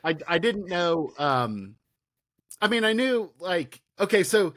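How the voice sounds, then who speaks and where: A man co-hosts a comedy news podcast. He talks slowly and hesitantly, with a lively, bouncing pitch, and his recording sounds dry and close. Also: dry recording. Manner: halting, lots of fillers and restarts, laughs easily. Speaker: podcast co-host. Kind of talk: casual comedic chat.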